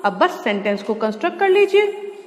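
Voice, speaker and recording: A woman teacher giving a lesson, explaining sentence structure step by step and slowly sounding out English words. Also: on the high side, very animated. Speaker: school teacher. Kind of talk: classroom lesson explaining translation. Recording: echoey room with long reverb.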